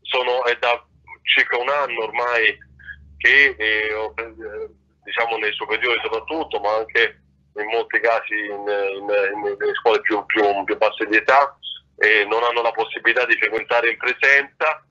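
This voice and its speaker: A man's voice: on the low side, flat delivery, moderate pace, sharp tone. A man speaking over a speakerphone as a guest official, giving a formal public address with frequent hesitations and repeated words. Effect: heard over a speakerphone. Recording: dull, muffled speakerphone sound.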